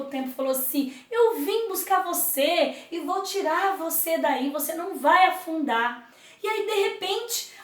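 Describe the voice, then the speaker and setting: A woman teacher giving an online lesson to children, telling a story gently. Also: high-pitched, echoey room, distant mic.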